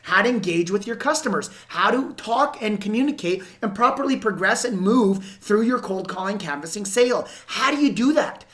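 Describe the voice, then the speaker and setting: A woman's voice: medium pitch, animated, normal speed, few pauses. A woman giving unscripted instructional commentary to viewers as a sales coach, emphatic and repeating key points. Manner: emphatic, repeats points, acts out example dialogue. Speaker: sales coach and video host.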